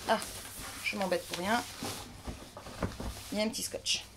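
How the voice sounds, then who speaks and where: A woman's voice: medium pitch, fairly even intonation, unhurried, noisy background. A woman from France giving casual, chatty unboxing commentary, thinking aloud as she handles a new crafting machine. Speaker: crafting vlogger.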